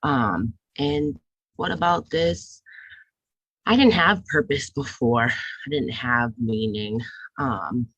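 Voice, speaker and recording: A woman's voice: rumbling low, lively intonation, slow, fairly bright tone, husky, no echo. Earnest lady sharing her story on zoom, dry muffled audio. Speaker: recovery specialist. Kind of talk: online workshop share. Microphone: video call.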